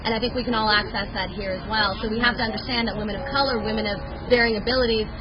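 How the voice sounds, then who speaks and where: A woman's voice: on the high side, steady tone, racing, dull audio, noisy background. A woman from Peru speaking as a panelist, earnest and making a pointed case. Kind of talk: casual panel talk.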